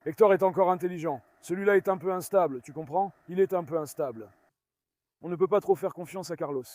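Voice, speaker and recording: A man with a noticeably high voice films a casual farm vlog outdoors. He coaxes and calms his dogs in between remarks to his viewers, and dogs can be heard around him. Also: brisk, no echo. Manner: coaxing and calming dogs while chatting to viewers. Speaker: dog owner filming at his farm. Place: farmyard outdoors.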